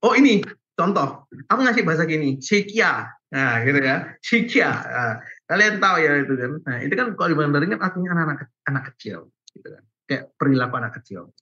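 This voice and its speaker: A man's voice: a little high, sing-song, fast talker, bright, forceful tone, breathy edge. Chatty young man teaching over a video call. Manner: chatty and informal, many fillers like "gitu" and "guys", laughs often. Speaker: Bible class teacher. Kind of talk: casual online Bible lesson. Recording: muffled video call audio.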